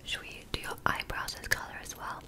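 Female, 20s, ASMR whispered role-play. Fully whispered, close-miked, softly coaxing, with tingly wet mouth sounds. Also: brisk. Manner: softly coaxing, talking directly to the listener. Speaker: ASMR creator. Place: small indoor room.

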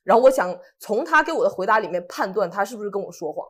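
A woman's voice: mid-range voice, fast, slightly rough. A woman co-host from Northeast China telling a personal story in casual chat, acting out what people said. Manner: animated, acts out what people said.

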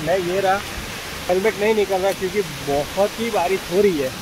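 Excited young man vlogging at waterfalls. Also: high voice, normal speed. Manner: excited, keeps pointing things out to viewers. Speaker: travel vlogger. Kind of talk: casual travel vlog. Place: outdoors by waterfalls in heavy rain. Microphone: handheld phone or action camera. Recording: loud outdoor noise of rain and falling water.

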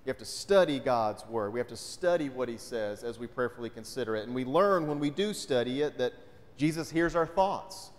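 A pastor with a mid-range, expressive voice preaches a little fast, keeping the sermon conversational and often asking the congregation questions. He uses a pulpit mic in a large indoor church sanctuary, and the hall's reverb lingers long.

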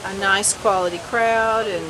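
Middle-aged woman, measured speech, crowd around. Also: medium pitch, fairly even intonation, rough recording. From Alabama. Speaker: watercolor painter. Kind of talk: casual interview. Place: outdoors at an art fair booth. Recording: crowd chatter behind.

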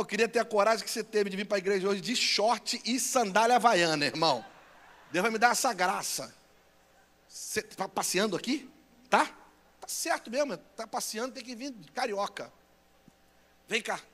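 A Brazilian pastor making playful, teasing announcements and bantering with a live conference crowd. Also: male voice, high voice, fairly bright tone. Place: large church conference hall. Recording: long echo of a big hall.

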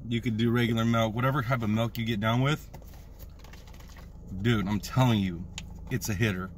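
A man's voice: medium pitch, fairly even intonation. An American man in his thirties talking with a lip full of dip in a casual, slangy review vlog, drawing out hyped catchphrases. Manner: slangy, drawn-out hype catchphrases. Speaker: product reviewer. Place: inside a parked car. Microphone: phone at arm's length. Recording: noticeable background noise inside a car.

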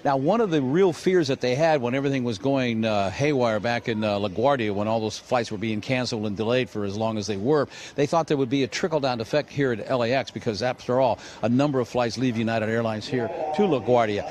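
With a medium-pitched, darkish voice, an older American news correspondent speaks fairly quickly and with few pauses into a handheld mic. He does live reporting and scripted narration at an airport terminal and curbside, and there's slight background noise.

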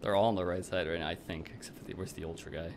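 A man's voice: low-pitched, fairly even intonation, rapid-fire. A man giving casual, slangy and wry commentary as he plays a video game. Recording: clear background noise, game ambience.

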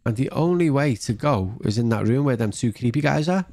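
A man's voice: medium pitch, expressive, fairly quick, darkish tone. A man around his thirties or forties giving casual, chatty let's-play commentary, thinking aloud close to a desk mic. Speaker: gaming channel host. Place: indoors at a gaming setup. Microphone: desk microphone, close.

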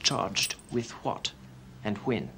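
A man's voice: on the low side, animated, slow, bright, forceful tone, slightly rough, heavily acted. An actor playing a defiant, battered male political prisoner who answers in short, curt bursts. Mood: defiant anger.

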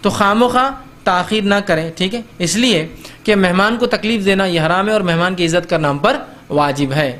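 High pitched guy giving a religious talk on manners, chatty, keeps asking listeners if they're with him. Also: moderate pace, a bit bright. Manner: conversational, acts out host-guest exchanges; checks in with listeners often. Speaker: lecturer. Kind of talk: religious lecture on etiquette.

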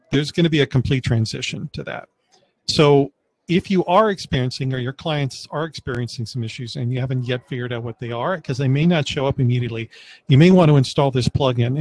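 A man organizing a web developer meetup, presenting news over a video call in a relaxed, rambling way with fillers and restarts. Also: medium pitch, poor audio. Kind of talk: casual online meetup presentation.

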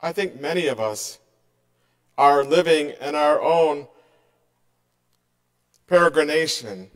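A middle-aged man delivers a sermon from behind a church pulpit, speaking slowly and earnestly. His voice sits a little high for a man, and it softens as his phrases end. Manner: slow, measured and earnest, voice dropping softly at line ends. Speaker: pastor.

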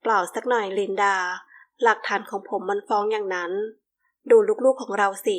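A doting, playful husband in an audiobook romance, read by a woman in her own near-natural voice. He speaks softly and slowly, fond and teasing toward his wife. Pitch sits mid-range, with no rough edges. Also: steady tone, natural voice.

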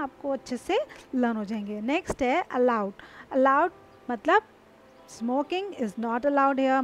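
A woman teaching English homophones in Hindi, who reads the example sentences slowly and asks her students to repeat after her. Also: high-pitched, a little hiss or hum.

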